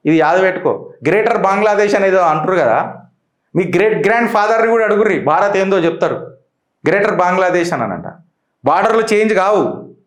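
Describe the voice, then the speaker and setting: Telangana-accented male commentator, high voice, mocking and rhetorical, recorded in an echoey room. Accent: Telangana Telugu. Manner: mocking, rhetorical questions to the audience. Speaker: political commentator. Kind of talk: heated political commentary.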